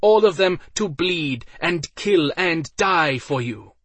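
Man doing a flamboyant arena showman, booming, theatrical, loud, high-pitched, dry sound. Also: expressive, slow pace, slightly rough, no echo, exaggerated voice. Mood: hyped. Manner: booming, theatrical announcer cries.

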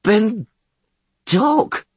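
A man's voice: mid-range voice, wildly swooping pitch, extremely slow, creaky, fairly bright tone, breathy edge, dry recording, voice pushed up, full character voice. A man voicing a flustered elderly male weapons attendant who stammers and chokes on his words. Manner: stammering, choking.

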